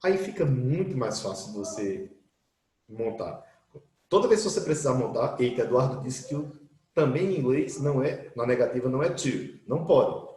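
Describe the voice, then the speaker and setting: Speaking at medium pitch and normal speed, a man teaches an online English grammar class in an echoey room. He is lively, acting out the questions his students might ask as he explains.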